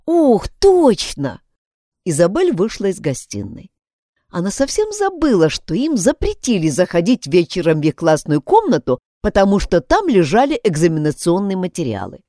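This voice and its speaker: A woman narrating a children's storybook in an expressive, animated reading. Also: fairly low pitch, moderate pace, no echo, clean studio sound.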